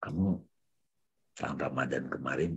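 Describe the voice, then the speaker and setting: A man leading a reflective spiritual study talk, shifting between hushed musing and emphatic phrases. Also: rumbling low, moderate pace, husky, muffled recording. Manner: swings from hushed musing to loud chanted takbir. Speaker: speaker in religious study session.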